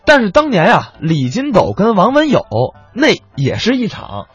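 A male radio host introducing an archival comedy recording in a relaxed, chatty way. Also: high voice, normal speed, breathy edge, no room sound. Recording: dull, dry studio sound with faint music.

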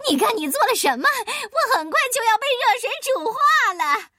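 Woman as a shrill old hag witch. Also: very animated, normal speed, bright, forceful tone, no room sound, studio quality, exaggerated voice. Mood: distressed. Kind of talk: children's storybook character voice.

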